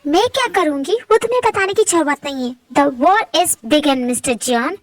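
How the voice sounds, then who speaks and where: A woman voices a scheming young widow out for revenge in a dubbed story drama. She taunts in a cool, controlled way, with a very high voice. The sound is dry and close. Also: sing-song, normal speed, no echo, rough recording. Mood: taunting.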